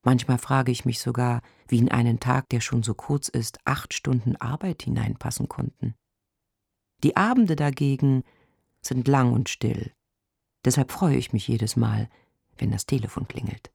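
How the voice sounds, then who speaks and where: A man reading a first-person story aloud, wry, melancholic and deadpan. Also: mid-range voice, moderate pace, vocal fry, slightly rough, no echo, clean studio sound. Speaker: narrator.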